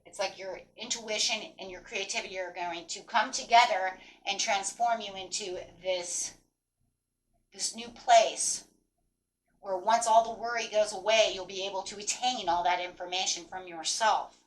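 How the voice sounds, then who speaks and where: A woman's voice: medium pitch, fairly even intonation, moderate pace, low-quality recording. A woman speaking as a fortune teller, giving a spontaneous, rambling and encouraging tarot reading, often checking in with "right?" and "you know". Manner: encouraging, affirming. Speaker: tarot card reader hosting a reading.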